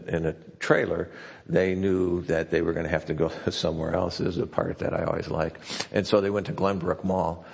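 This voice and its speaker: A male pastor preaches a sermon in a church sanctuary in a loose, folksy, conversational way, often restarting his sentences. His voice sits low and is gravelly. A long hall reverb hangs on the recording.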